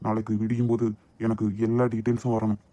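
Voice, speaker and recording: A man's voice: on the low side, monotone, fast talker, warm tone, slight background noise, natural voice. A man voicing a protective young boss in a cartoon drama, firm with his men and soothing with his wife. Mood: commanding. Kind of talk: amateur cartoon voice acting.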